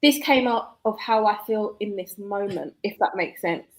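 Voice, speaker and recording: A woman in her 40s, appearing as a guest author, talks casually and reflectively in a live chat, laughing often. Her pitch is medium and her speed normal, and the recording is rough.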